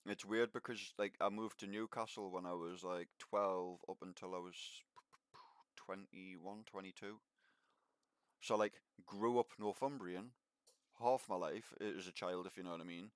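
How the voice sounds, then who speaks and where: A man's voice: low-pitched, steady tone, measured pace, smooth, no room sound, studio quality. A man from Northumberland with a mixed Northumbrian and Geordie accent, talkative, laid-back and sweary, chatting casually while gaming online. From Northumberland, England. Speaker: game streamer.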